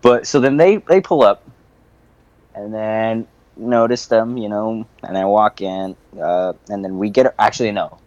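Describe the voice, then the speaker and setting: A young man hosting a podcast, telling a story in a casual, profane, animated way with frequent laughter. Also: lowish voice, unhurried, no room sound, dull audio. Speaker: podcast host.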